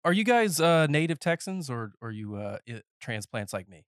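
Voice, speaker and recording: A man's voice: a little high, big pitch swings, normal speed, smooth, no echo, clean studio sound. A man in his thirties hosting a casual podcast interview, a little nasal and congested, rambling and joking as he talks. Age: 30s. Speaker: podcast host. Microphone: headphones and podcast mic.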